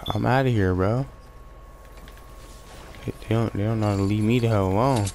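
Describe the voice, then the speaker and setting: A man's voice: on the low side, normal speed, vocal fry, a little mellow, slight background noise. A young man casually commentating his own video game play, slangy and swearing when frustrated. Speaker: gaming YouTuber.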